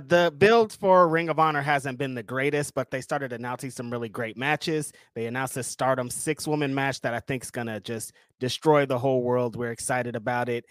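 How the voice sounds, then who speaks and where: A man's voice: mid-range voice, dry recording, studio quality. A man co-hosting a live wrestling stream, giving casual commentary in informal, laid-back phrasing. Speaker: co-host and wrestling reporter.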